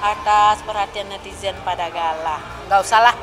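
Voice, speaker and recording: An older woman, a grandmother, speaking softly and tearfully in an emotional interview with reporters. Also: mid-range voice, steady tone, moderate pace, music in the background. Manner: soft, tearful, heartfelt.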